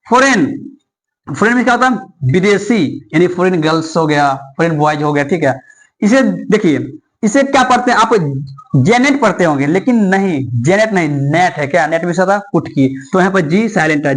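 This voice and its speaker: A man's voice: high voice, a bit bright. A man teaching English in a classroom style, repeating points and answering his own questions.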